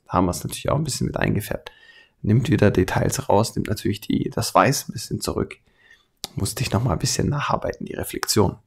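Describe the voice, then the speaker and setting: A tutorial host and airbrush artist, he talks casually with a light southern German, Swabian accent. The voice is fairly low, gravelly and husky, and his chatty, colloquial manner is punctuated by frequent chuckles.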